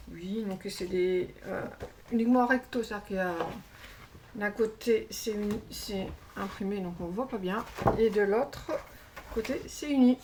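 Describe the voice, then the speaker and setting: A woman's voice: on the high side, far from the mic, a little hiss or hum. A woman chatting casually as she shows craft supplies, hesitating often with fillers. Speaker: crafting YouTuber. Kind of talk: casual show-and-tell haul.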